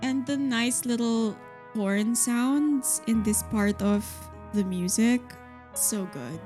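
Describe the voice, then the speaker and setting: Female visual novel streamer: cutesy, exclamatory, fangirl-style reactions in a high voice over light music. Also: slow, a little mellow. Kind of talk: game playthrough, reading aloud and reacting.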